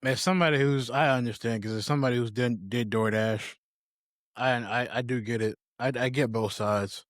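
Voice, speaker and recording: A man's voice: medium pitch, steady tone, a little fast, no echo, studio quality. A young man co-hosting a casual podcast who laughs often and teases his partner. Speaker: podcast co-host.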